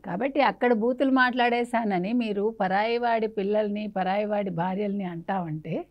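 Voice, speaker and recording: A woman's voice: mid-range voice, normal speed. Indignant woman journalist, lo-fi. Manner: indignant, forceful, scolding. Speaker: interviewee, journalist. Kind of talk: heated political interview.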